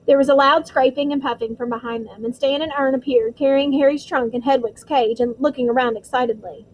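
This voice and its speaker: A woman's voice: high-pitched, fairly even intonation, brisk, rough recording. A woman narrating an audiobook, reading steadily with dramatic stresses. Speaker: audiobook reader.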